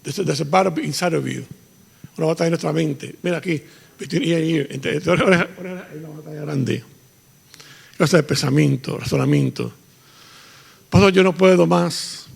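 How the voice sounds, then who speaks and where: Gravelly, husky man preaching in a church. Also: fairly high pitch, a little fast, long reverb tail. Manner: preaching with rising emphasis, switching between Spanish and English. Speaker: pastor. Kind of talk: bilingual sermon. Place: church sanctuary.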